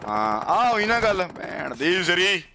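A man's voice: high voice, big pitch swings, a little slow, gravelly, background noise. A man with a Punjabi accent chatting casually and boisterously as a game livestream host, full of slangy banter and swearing. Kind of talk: casual gameplay livestream chat.

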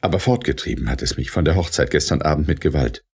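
A man's voice: rumbling low, lively intonation, fast, darkish tone, breathy edge, full character voice. A man voicing an honest, frightened servant in an audiobook reading, rambling breathlessly through his tale. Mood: anxious telling.

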